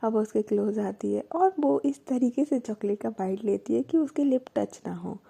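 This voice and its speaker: Woman storyteller, casual chatty narration, dark mellow voice, slightly husky. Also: a little high, expressive, normal speed. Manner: conversational, with fillers and self-corrections.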